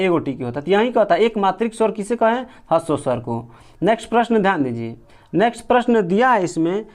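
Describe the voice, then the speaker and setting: A man teaching a grammar lesson, going through exam questions one by one, repeating each answer back as a question. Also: high voice. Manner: repetitive, drills answers with rhetorical questions; colloquial with regional words like gō.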